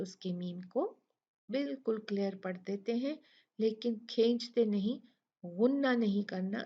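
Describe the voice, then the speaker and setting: A woman's voice: medium pitch, husky, lo-fi sound. A woman with a Pakistani Urdu accent teaching recitation rules, patiently repeating sounds to demonstrate them. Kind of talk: Tajweed lesson explaining rules.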